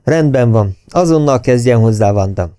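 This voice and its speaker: A man voicing an enraged, near-hysterical British officer who shouts his rebukes. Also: mid-range voice, lively intonation, clean tone, dry recording, clean studio sound, natural voice. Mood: curt.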